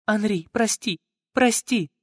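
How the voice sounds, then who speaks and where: Man putting on a high pleading young woman, desperate, dry close sound, audiobook reading. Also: takes it slowly, fairly bright tone, dry recording, heavily acted. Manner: pleading, breathless cries.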